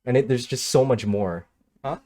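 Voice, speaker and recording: A man's voice: mid-range voice, normal speed, mellow, a little hiss or hum. A man streaming live, talking casually and candidly to his chat, swearing now and then and answering comments as he goes. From Michigan, United States. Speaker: livestreamer. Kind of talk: casual livestream talk to chat.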